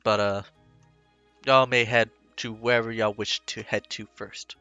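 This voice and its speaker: A laid-back man narrates as game master, his bright, forward voice pausing often as he works things out. He sits close to the mic, and the sound comes through dry, slightly dull and lo-fi, like voice-chat audio. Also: on the low side, little pitch movement, smooth, no echo, faint music behind. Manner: laid-back, halting with many pauses.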